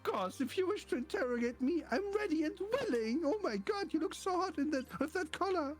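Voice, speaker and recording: A woman's voice: sits high, lively intonation, a little fast, pitched above the performer's own voice. Lady doing a grumpy nosy neighbor guy, big swoopy complaining, a bit of music behind. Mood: exasperated. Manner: theatrical, exasperated, gossipy. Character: fussy, complaining older male neighbor. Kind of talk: reading game dialogue aloud.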